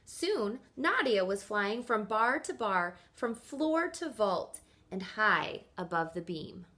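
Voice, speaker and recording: A woman with a voice in the middle range reads aloud from a kids' picture book. She uses a teacher's manner, shaping the story with deliberate, expressive stress.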